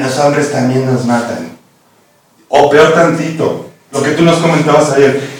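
Earnest man, echoey distant room. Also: a little high. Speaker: panelist. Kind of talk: discussion.

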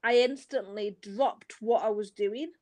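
A woman's voice: mid-range voice, measured pace, a little mellow. An earnest woman speaks as a podcast guest, recounting how she came to tarot and coaching. Her talk is casual and unpolished, looping back to restart phrases as she goes.

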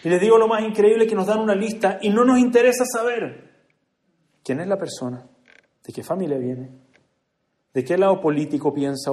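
A man giving an earnest religious speech to a gathering, moving between hushed and emphatic delivery. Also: sits high. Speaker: speaker at a community prayer gathering. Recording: echoey room.

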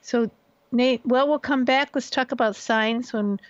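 A woman's voice: on the high side, a little slow, no echo, muffled recording. Woman hosting a radio talk show.

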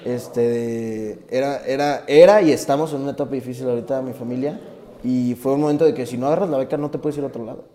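A man's voice: mid-range voice, fast talker, warm tone. A young man from Tabasco with a Mexican accent, a rapper telling his story in a casual interview in an earnest, reflective way. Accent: Mexican Spanish. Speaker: guest, rapper.

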